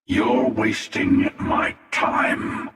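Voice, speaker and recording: A man playing The Hunter, a cynical, menacing older villain in a video game, with a breathy rasp and a slow, sardonic, world-weary delivery. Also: lowish voice, a bit bright, exaggerated voice. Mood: cold menace. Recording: long echoing reverb, distant from mic.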